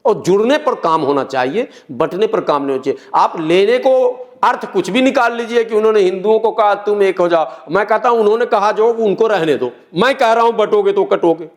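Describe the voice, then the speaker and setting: A man's voice: high-pitched, lively intonation, brisk, hardly any pauses. A middle-aged man, a guest in an interview, explaining his views earnestly and repeating key phrases. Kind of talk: political interview talk.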